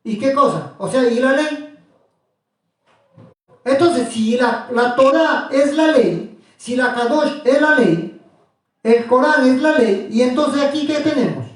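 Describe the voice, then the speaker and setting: High-voiced preacher in an echoey room. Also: male voice, takes it slowly, far from the mic. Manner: questioning, repetitive, insistent. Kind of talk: religious teaching to a small group.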